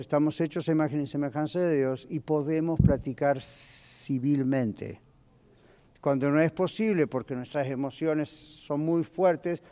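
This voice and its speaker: A male pastor with a darkish voice on the high side teaches a Bible lesson conversationally, putting questions to his congregation. He speaks in a church hall, and the recording carries a long reverb.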